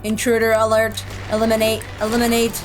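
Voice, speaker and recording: Robot guard voice, flat and clipped, kinda menacing, a woman doing it for fun. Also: on the high side, fairly quick, music in the background, lightly acted, low-quality recording. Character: monotone robot security machine, hostile. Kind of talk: gameplay commentary with a put-on robot voice.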